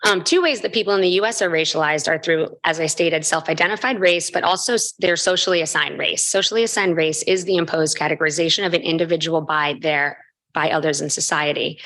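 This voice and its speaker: Low-pitched woman giving an academic talk. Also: fairly bright tone. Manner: formal, scripted delivery with occasional stumbles. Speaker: postdoctoral researcher presenting. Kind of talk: academic research presentation.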